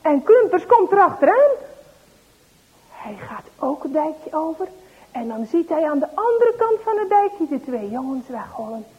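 A woman reading a children's story aloud, expressive and swinging from hushed to excited, on a dull lo-fi recording. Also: sits high, moderate pace.

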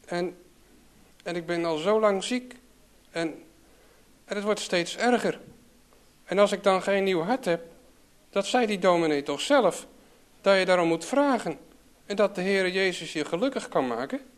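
A man's voice: high-pitched, animated, unhurried, pauses often, voice pushed up. A man reading aloud, voicing a frail, anxious twelve-year-old girl in a storybook.

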